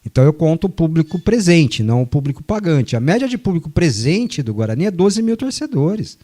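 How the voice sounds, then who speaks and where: A man's voice: fairly high pitch, sing-song, brisk, dark tone. Chatty man hosting radio. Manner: chatty, joking, long explanations. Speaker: radio sports show host. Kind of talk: casual radio talk, reading listener messages. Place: radio studio.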